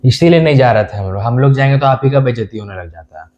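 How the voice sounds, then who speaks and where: A man's voice: mid-range voice, expressive, fast talker, a little mellow, muffled recording, natural voice. A man playing a stubborn, grumbling teenage son in a comedy sketch, talking back to his mother. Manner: grumbling, backtalking.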